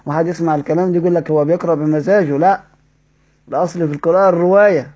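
A high-voiced man with an Egyptian Arabic accent teaches a class on Quran recitation. He asks his students questions as he explains and drags out the example words in a slow chant. His tone is mellow and the recording sounds a little dull. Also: husky. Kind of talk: lesson explaining a text.

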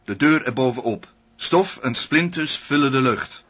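Husky man reading a screenplay. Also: mid-range voice. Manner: calm, measured reading with stage directions. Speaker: narrator. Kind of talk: scripted narration of a screenplay.

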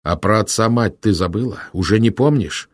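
A man's voice: on the low side, moderate pace, dry recording, clean studio sound, voice pushed up, lightly acted. A man voicing a grim young prince bent on vengeance, speaking sternly in an audiobook. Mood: bitter. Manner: stern, heavy-hearted speech. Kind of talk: audiobook character voice.

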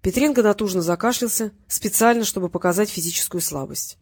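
Breathy audiobook narrator. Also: medium pitch, brisk. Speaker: audiobook reader. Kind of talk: scripted narration.

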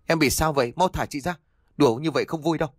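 A man voicing a terrified middle-aged woman in a storybook, pleading and wailing in a raised, shrill voice. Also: rapid-fire, dry recording, clean studio sound, lightly acted.

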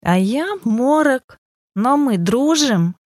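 A woman's voice: medium pitch, a little slow, a little mellow, dry recording, natural voice. A woman voicing a playful young woman who teases her friends and flares up when pushed. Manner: teasing and wheedling, flaring into anger. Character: sleepy playful young woman with a fiery temper.

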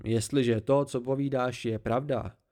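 A man voicing a cautious male scribe who asks a guarded, measured question in an amateur audiobook. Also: mid-range voice, fairly even intonation, dark tone, lightly acted. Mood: wary.

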